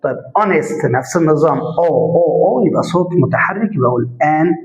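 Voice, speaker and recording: A man with an Egyptian Arabic accent teaching a grammar lesson step by step, putting questions to the class and answering them himself, and stretching out example sounds. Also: a little high. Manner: drawn-out spoken examples. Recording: echoey room, dull lo-fi sound.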